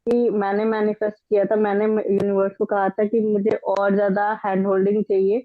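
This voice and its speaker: A woman's voice: mid-range voice, completely flat delivery, fairly quick, phone-quality sound. A woman taking part in a workshop shares her experience on a video call, earnest and grateful, her audio clipping and distorted. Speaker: workshop participant.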